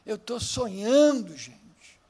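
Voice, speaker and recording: A man with a Brazilian Portuguese accent preaching a sermon, swinging from fervent shouting to quiet teaching and acting out Bible stories. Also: extremely high pitch, very animated, takes it slowly, breathy edge.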